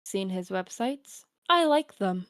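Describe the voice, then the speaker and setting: A woman voicing a dry, sardonic teenage girl in a deadpan, wry manner. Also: medium pitch, slow pace, no room sound, voice pushed down.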